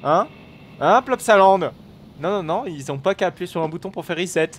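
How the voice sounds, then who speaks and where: A man giving live commentary on a game, excitable and rambling, with frequent swearing and exclamations. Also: high-pitched, normal speed, a little hiss or hum. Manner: rambling with many fillers and restarts. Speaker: gaming video host.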